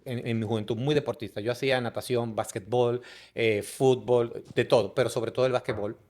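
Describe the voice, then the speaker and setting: Dominican man, interview guest, halting storyteller, mid pitch. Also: fairly even intonation, a little mellow. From Dominican Republic. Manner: halting, frequent restarts and fillers. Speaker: guest, business consultant. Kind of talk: conversational storytelling.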